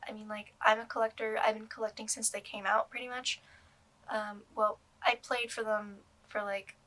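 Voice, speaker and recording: A woman's voice: fairly high pitch, flat delivery, normal speed, bright, forceful tone. A young woman doll collector talking casually to camera, rambling with many ums and restarts. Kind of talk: casual vlog review.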